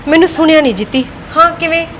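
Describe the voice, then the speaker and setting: Woman playing a high-voiced scheming young wife. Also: quick pace, noisy background. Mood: lecturing. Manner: argumentative, self-talk plotting. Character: scheming young wife guarding her son's land. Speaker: daughter-in-law. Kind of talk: Punjabi web-series acting.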